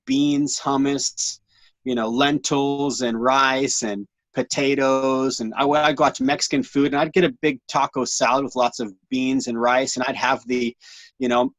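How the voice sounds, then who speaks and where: A man in his forties telling his story as an interview guest, animated and slangy, rambling with lots of restarts. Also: mid-range voice, no echo. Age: 40s.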